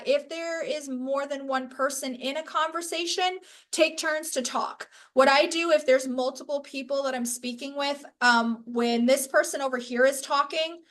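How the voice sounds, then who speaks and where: A woman's voice: high-pitched, fairly bright tone. A woman instructor giving a live training presentation over a video call, casual and chatty, correcting herself with light laughs. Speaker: workshop instructor.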